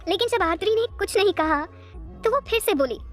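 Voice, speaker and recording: A woman narrating an audio love story in a steady storytelling voice. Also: extremely high pitch, normal speed, faint music behind.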